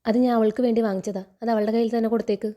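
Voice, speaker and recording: A kind but firm fatherly man, read plainly by a woman telling the story. The tone is calm and gently commanding. Her voice is dark and mellow. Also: on the high side, very fast, lightly acted.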